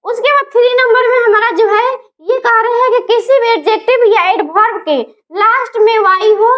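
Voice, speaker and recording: High-voiced woman teaching grammar. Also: fairly bright tone. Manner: spells words letter by letter slowly. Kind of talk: grammar lesson.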